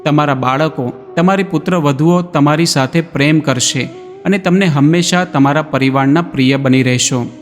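A male narrator voicing a calm saint who gives gentle, reassuring counsel. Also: fairly high pitch, normal speed, close to an everyday voice. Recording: long reverb, background music.

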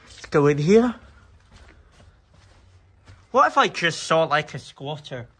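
A man's voice: a little high, very animated, takes it slowly, a bit bright, breathy edge. A young man giving a nervous walking commentary as he explores an abandoned building, talking to himself into a handheld phone. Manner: jumpy, muttering to himself, easily spooked. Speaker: urban explorer vlogger. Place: outdoors and in a derelict building.

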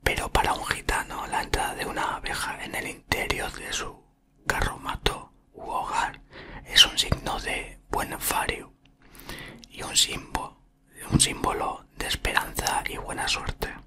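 A man reads aloud in a breathy, unvoiced ASMR whisper with a bright, airy edge. He takes it slowly and haltingly, murmuring right up against the microphone. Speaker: ASMR content creator. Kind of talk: whispered ASMR reading from a book. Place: small room indoors. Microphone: desktop condenser microphone, very close.

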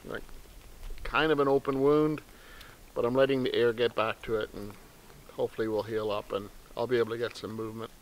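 Seated among snowy trees, a middle-aged outdoor channel host talks to the camera in an easy, rambling way, softly aside to his dog now and then. His pitch is medium. The recording is rough, with slight background noise.

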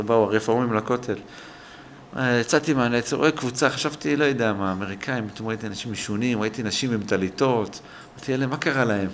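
An older man tells a story in a sermon at his synagogue. He is animated and acts out the people in his story. A faint hum of the hall sits behind him. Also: medium pitch. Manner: animated storytelling, acting out quoted voices. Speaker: rabbi giving a synagogue lesson.

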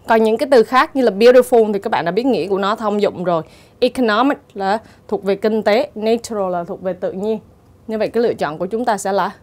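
A woman's voice: medium pitch, darkish tone. A woman teacher going through English exam answers step by step, in a methodical way. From Vietnam. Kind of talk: exam answer walkthrough lesson.

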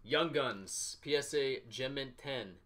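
A man in his thirties unboxes on a sports card box-break show from a small office, naming each item in short, clipped phrases. He talks slowly in a medium-pitched, slightly bright voice.

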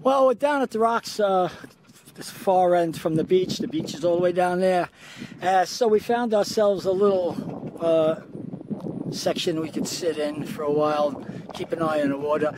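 An older man chatting casually to his handheld camera outdoors on a rocky beach, relaxed and talking to his dog now and then. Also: high-pitched, normal speed, background noise. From Scotland. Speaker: vlogger. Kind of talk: casual hiking vlog to camera. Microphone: camera held at arm's length.

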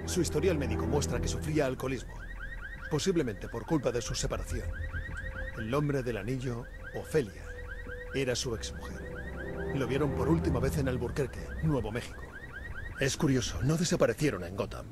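A man doing a grim masked detective in a dubbed game, terse and steady as he analyzes evidence. He speaks with cold focus. Clear game music plays behind him. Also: medium pitch, a little fast, lightly acted. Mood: grave. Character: grim male masked vigilante detective, serious. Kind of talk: Spanish game dub.

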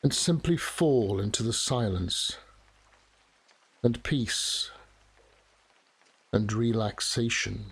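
A man narrating a guided relaxation meditation in a soft, soothing, measured manner with long pauses. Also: lowish voice, husky. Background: steady rain.

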